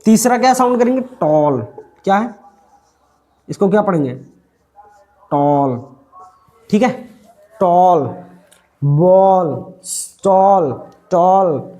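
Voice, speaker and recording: A man with a high, expressive, warm voice gives a pronunciation lesson in English. He repeats each word and asks himself how it is read before answering, slowly stretching out the key sounds.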